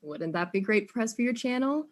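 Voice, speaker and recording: A woman's voice: fairly high pitch, lively intonation, normal speed, close to an everyday voice. A woman playing a polite, probing detective. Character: polite, persistent female detective. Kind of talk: student audio drama.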